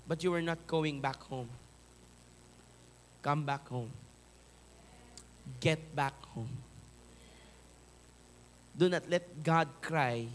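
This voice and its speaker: A male pastor with a Filipino accent delivers a sermon, swinging from loud, emphatic peaks to soft, low pleading. There's a slight hiss or hum in the recording.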